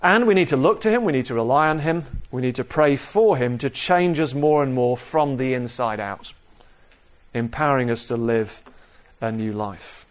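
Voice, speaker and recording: In this expository Bible-teaching sermon, a male preacher explains things in a measured way, repeating important phrases for emphasis. His voice sits in the mid-range.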